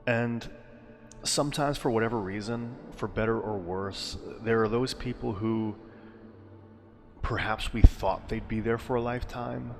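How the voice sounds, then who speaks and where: A male hypnosis and meditation guide narrates in a very low register, calm and unhurried, pausing between phrases. His voice is drenched in long reverb over background music, soothing and deliberately phrased.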